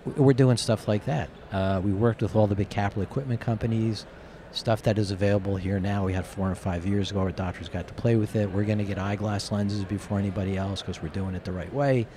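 Hoarse, raspy man from New Jersey. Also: fairly low pitch, fairly even intonation, fast. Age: middle-aged. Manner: rambling, colloquial. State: hoarse, voice nearly gone. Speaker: interview guest, company executive. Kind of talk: casual interview talk. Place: curtained booth at a convention. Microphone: handheld microphone held close, with headphones. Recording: clear background noise of convention hall.

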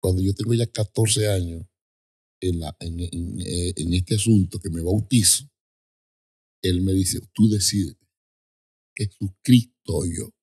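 Husky-voiced man telling his testimony. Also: steady tone, darkish tone. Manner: emphatic, acts out quoted people with sudden high, drawn-out voices; repeats words for emphasis. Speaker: apostle sharing his testimony. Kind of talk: personal testimony storytelling.

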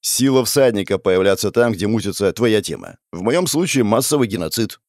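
Man voicing a smug horseman of death, offhand drawl, lively pitch, dry close read. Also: brisk, dry recording. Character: mocking male horseman of death, laid-back.

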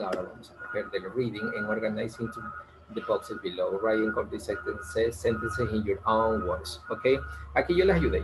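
A man, teaching English in an online class, joking and drawing out example words slowly, often checking in with "ok?". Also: medium pitch, creaky, poor audio. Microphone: video call.

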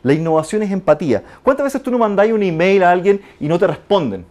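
A middle-aged man from Chile with a Chilean Spanish accent, giving an animated conference talk, peppering it with tag questions and acted-out quotes. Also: sits high, fast talker. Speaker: conference speaker.

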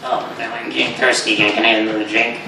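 A man's voice: mid-range voice, level tone, rapid-fire, creaky, natural voice. A man voicing a brash, wisecracking puppet creature in a live ventriloquism act, speaking with his lips barely moving. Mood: joking. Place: small indoor comedy stage, filmed from the audience. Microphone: stage mic picked up by far camera. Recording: echoey noisy hall, distant camera mic.

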